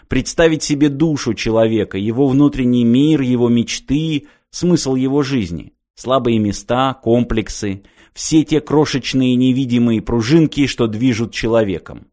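A man's voice: mid-range voice, normal speed, hardly any pauses, darkish tone. Man narrating an audiobook.

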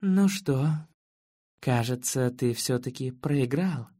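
A man voicing a calm, mocking female villain who speaks with a strange accent in a condescending, unhurried way. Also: mid-range voice, pitched below the performer's own voice. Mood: smug.

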